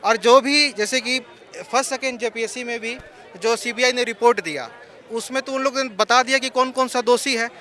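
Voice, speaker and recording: A man's voice: extremely high pitch, a little fast, bright, forceful tone, a faint crowd. A man, a protesting exam candidate, making formal demands in a street interview outdoors.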